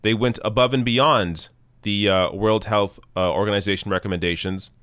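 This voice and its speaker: A man's voice: on the low side, moderate pace, fairly bright tone, clean tone, no echo. A man hosting a news commentary show, talking off the cuff to viewers in an earnest, emphatic, opinionated way.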